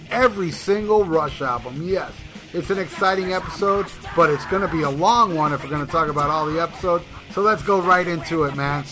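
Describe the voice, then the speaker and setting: A man hosting a podcast in casual, irreverent chat, given to teasing and mock ranting. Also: fairly high pitch. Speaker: podcast host.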